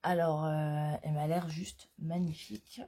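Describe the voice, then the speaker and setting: Woman crafting vlogger, slow and mellow, chatty with lots of fillers. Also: sits low, little pitch movement, a little hiss or hum. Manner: chatty, hesitant with frequent fillers. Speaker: scrapbooking vlogger. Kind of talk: casual product haul chat.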